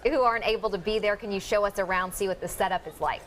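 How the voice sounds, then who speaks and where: A woman's voice: mid-range voice, fast talker. An American woman anchoring a broadcast news programme, introducing and chatting with a reporter.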